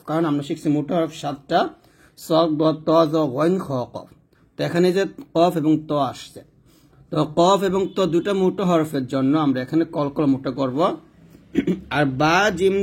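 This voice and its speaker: A man teaching Quran reading step by step, explaining rules slowly and drilling the letters in repeated rounds, with an occasional cough. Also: on the high side, darkish tone, slightly rough. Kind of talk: step-by-step recitation lesson.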